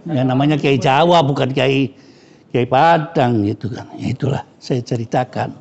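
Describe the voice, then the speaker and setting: Man, cleric's casual scripture lesson, gravelly voice, dull lo-fi recording. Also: medium pitch, normal speed, darkish tone. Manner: frank, joking, chatty. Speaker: Islamic cleric teaching scripture. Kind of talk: casual religious study lecture.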